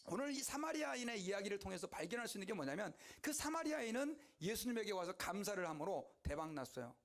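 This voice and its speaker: High-voiced, animated male pastor preaching. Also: quick pace. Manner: animated, exclamatory storytelling to the congregation. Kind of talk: sermon.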